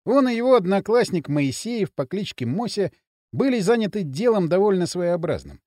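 A man narrating an audiobook in an expressive reading voice on a close mic. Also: sits high, normal speed, no room sound.

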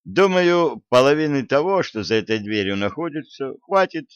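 A man's voice: mid-range voice, animated, moderate pace, smooth, dry recording, voice pushed up, lightly acted. A man voicing a cheeky, brash young male royal gossip. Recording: dull lo-fi dry recording.

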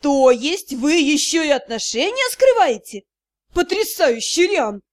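A domineering noble mother-in-law in a fantasy storybook, sly and imperious. A woman reading the audiobook voices her. Her high voice carries a grand, commanding air. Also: lively intonation, measured pace.

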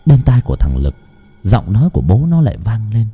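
A man's voice: fairly low pitch, huge pitch swings, a little fast, mellow, breathy edge, soft background music. A man narrating a ghost story in a dramatic, suspenseful way. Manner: dramatic, suspenseful, wide-ranging delivery.

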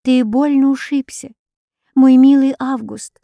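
A woman voicing a timid, gentle girl who is the tearful older sister, pleading softly in an audiobook. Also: high voice, steady tone, measured pace, gravelly, no room sound, studio quality, pitched above the performer's own voice. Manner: soft pleading.

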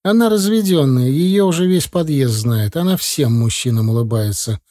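A man's voice: medium pitch, animated, normal speed, dark tone, lightly acted. A man voicing a young indignant wife. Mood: defensive. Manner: tense, indignant. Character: young woman, defensive, trusting wife.

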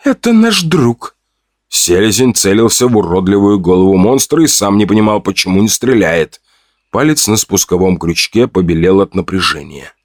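A man giving expressive scripted narration of an audiobook. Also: sits low, moderate pace, no room sound, studio quality.

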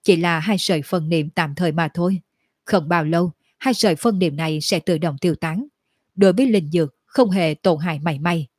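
A woman voicing a calm, cunning young male cultivator who speaks politely and composed. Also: lowish voice, moderate pace, breathy edge, no room sound, clean studio sound.

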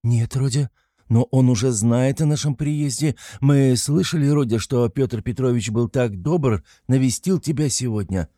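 In an audiobook, a man with a lowish, dark, husky voice plays a timid, anxious middle-aged mother who is tearful, easily frightened, pleading and fretful. He speaks at a moderate pace, and the studio recording is clean and dry.

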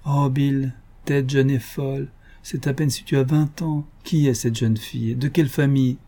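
A man voicing a gentle, solemn, dying mother in an audiobook, speaking in a raised pitch. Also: level tone, moderate pace, natural voice. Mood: anxious. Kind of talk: audiobook character reading.

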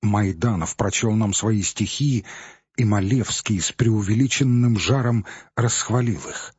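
A man narrating an audiobook in a measured, steady storytelling manner. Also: on the low side, slightly rough, dry recording, dull audio. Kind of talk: scripted narration.

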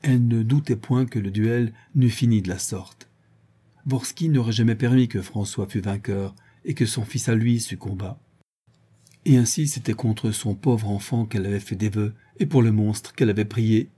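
A man narrating a classic novel in a measured, dramatic reading. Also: lowish voice, warm tone, slightly rough. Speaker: audiobook reader. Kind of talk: scripted narration.

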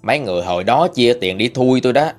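A man voicing the sad, hungry ghost of an old woman who pleads in a low, mournful way. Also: lively intonation, fast, soft background music, close to an everyday voice. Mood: mournful pleading.

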